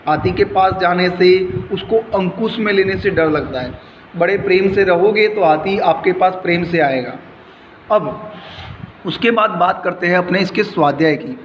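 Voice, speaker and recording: A male teacher explaining a Sanskrit poem in Hindi, slowly and with much repetition, word by word, in a recorded lesson. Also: high-pitched, long reverb tail, muffled recording, a little hiss or hum. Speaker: school teacher.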